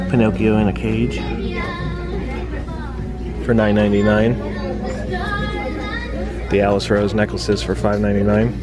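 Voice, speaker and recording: Man reading off shop prices. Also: fairly low pitch. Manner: reads off prices one after another, chatty. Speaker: vlogger checking store prices. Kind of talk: casual shopping chat. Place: indoor merchandise store. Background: store music.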